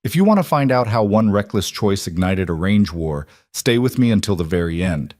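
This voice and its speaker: A man narrating a Western story in a steady, dramatic scripted storytelling style. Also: lowish voice, normal speed, dry recording, studio quality.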